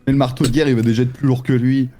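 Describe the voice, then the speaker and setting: A man's voice: mid-range voice, level tone, very fast, a crowd in the background. A man playing a tabletop game, chatting casually and teasing the other players.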